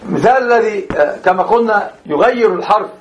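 A man's voice: sits high, expressive, fairly quick, a little hiss or hum. A man teaching Islamic law in a classroom lecture, repeating and restarting words and speaking straight to his students. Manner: addresses students directly, chuckles now and then. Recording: roomy, dull lo-fi lecture recording.

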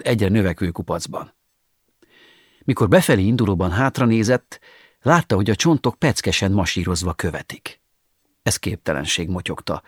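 Low-voiced man reading ironic stories. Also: husky, dry recording, studio quality. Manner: ironic, measured storytelling. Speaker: audiobook reader. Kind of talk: scripted narration.

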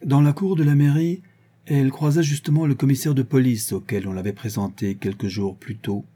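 A man narrating an audiobook in a measured storytelling manner. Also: mid-range voice, warm tone, breathy edge. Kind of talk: audiobook reading.

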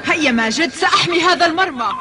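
A woman voicing a confident, competitive young boy footballer in an animated series, bold and rallying. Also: extremely high pitch, fast talker. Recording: loud music under the voice. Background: loud music.

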